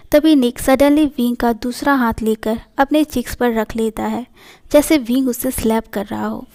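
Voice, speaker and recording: A woman narrating a fan-fiction story in a steady, plain reading voice. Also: on the high side.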